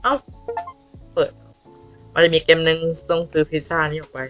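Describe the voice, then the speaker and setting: A man commentating a horror game in a deliberately low, spooky put-on voice while feeling unwell and coughing. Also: flat delivery, fairly bright tone, muffled recording, soft background music. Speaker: game streamer. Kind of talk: casual horror gameplay commentary.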